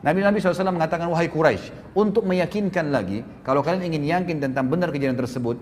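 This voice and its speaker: A man preaching a sermon in a mosque, telling a story and acting out the quoted lines with lively shifts in his voice. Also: racing, slight background noise. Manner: animated, acts out quoted speech with shifting pitch. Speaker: Islamic preacher. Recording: distant reverberant hall recording, faint ambience.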